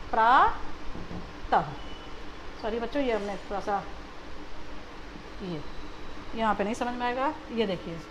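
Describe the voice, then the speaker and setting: A woman's voice: sits high, a bit bright, slight background noise. A woman teacher giving a Hindi lesson to young children, patiently asking and repeating questions. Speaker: school teacher.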